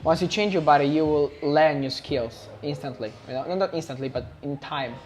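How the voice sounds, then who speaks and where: A man's voice: a little high, normal speed, darkish tone, faint music behind. A Polish man with an accent, speaking English as a second language, talking eagerly as a guest on a casual podcast. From Poland. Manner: eager, emphatic, repeats words. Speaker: personal trainer, podcast guest.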